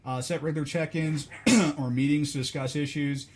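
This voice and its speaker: A man's voice: on the high side, steady tone, moderate pace. A man from the States, hosting a live podcast from a chair at home in a casual, rambling, blunt and self-deprecating way. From Southern United States. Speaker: podcast host. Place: home room, seated in a chair.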